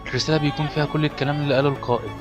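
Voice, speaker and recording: A man with an Egyptian Arabic accent narrating a story recap in a brisk scripted style. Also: on the high side, steady tone. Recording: slightly dull lo-fi audio, faint music.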